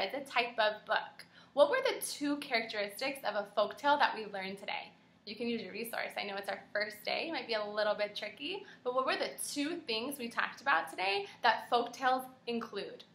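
A fairly high, gravelly voice with a sharp tone belongs to a young woman who teaches kindergarten. Indoors in a small room at home, she reads aloud and poses encouraging, precisely spoken questions to children, captured on a roomy, reverberant home video.

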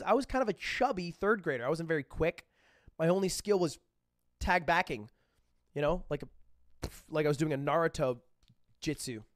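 A man's voice: on the high side, no echo, studio quality. A male streamer telling a funny childhood story in a casual, self-deprecating way.

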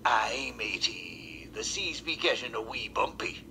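A man playing a gruff, hearty old sailor in a theatrical app character voice. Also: medium pitch, animated, background noise. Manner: gruff old seafarer talk, slow and theatrical.

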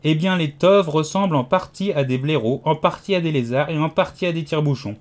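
Audiobook figure: a haughty, lecturing egg man, read by a man, slightly high voice. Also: a little fast, a little mellow, lightly acted. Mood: smug. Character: pompous, condescending giant egg man. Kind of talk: audiobook character reading.

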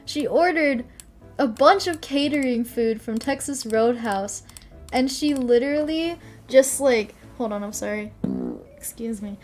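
A woman's voice: fairly high pitch, a little slow, a little mellow, soft background music. A young woman streaming live, chatting casually with her viewers, giggly, apologetic and rambling. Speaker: vtuber streamer.

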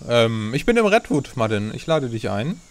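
A man with a German accent co-hosting a let's play, excitable and teasing, laughing often. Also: mid-range voice, normal speed. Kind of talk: casual gaming chat.

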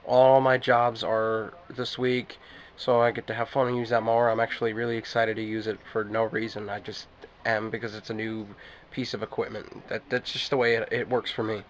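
A daily vlogger with a lowish, level-toned voice speaks fairly quickly, chatting loosely and addressing his viewers directly in a casual vlog to camera. The audio sounds dull with a slight hiss or hum.

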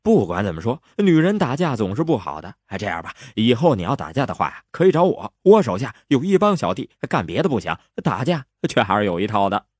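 A man reading an audiobook, voicing a glib, cocky young man in easygoing, lively banter. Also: medium pitch, brisk, few pauses, no echo, studio quality. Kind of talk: audiobook character voice.

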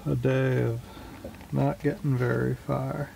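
Unhurried man on a boat, dark rumbly voice, pauses and fillers, filmed in the cabin. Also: little pitch movement, gravelly, slight background noise, low-quality recording. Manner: slow, halting, many fillers. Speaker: small boat sailor vlogging. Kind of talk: casual spoken log. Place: small boat cabin at anchor, candlelit.

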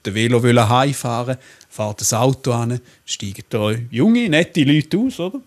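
A man's voice: medium pitch, lively intonation, moderate pace. A young adult man with a Swiss accent, co-hosting a comedy podcast and telling wry anecdotes. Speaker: podcast co-host. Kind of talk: casual comedy chat.

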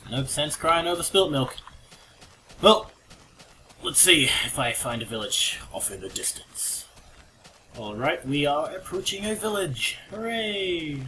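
Excitable young man narrating a game. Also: fairly high pitch, measured pace. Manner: rambling, excitable, jokey with sudden outbursts. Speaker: let's play commentator. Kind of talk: casual gameplay commentary. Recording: noisy home recording with keyboard clicks. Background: keyboard typing and clicks.

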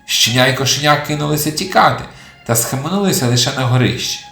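Children's audiobook narrator, expressive, lively pitch, roomy sound, soft music. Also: quick pace, creaky. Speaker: storyteller.

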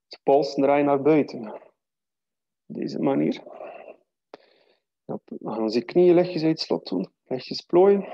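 A man leads a yoga class in a calm, steady voice, giving one cue after another. His tone is mellow and a little gravelly. The recording is dry and slightly dull. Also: on the high side, no room sound. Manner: calm, steady cueing of breath and posture. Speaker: yoga teacher. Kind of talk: guided yoga class instruction.

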